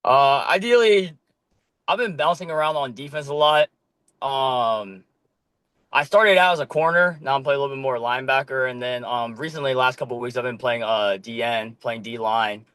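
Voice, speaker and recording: A young man born in Korea, a podcast guest talking casually about playing flag football, with a relaxed manner and plenty of ums. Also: mid-range voice, moderate pace, clear, resonant tone, no room sound. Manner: relaxed, loose, with many ums and casual swearing. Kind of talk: casual chat.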